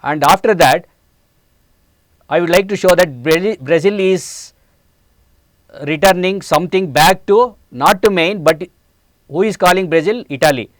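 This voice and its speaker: A man's voice: sits high, measured pace, pauses often, dry recording. A man in his forties with an Indian English accent, giving a programming lecture step by step with many hesitant fillers. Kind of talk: classroom lecture. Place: studio set, indoors.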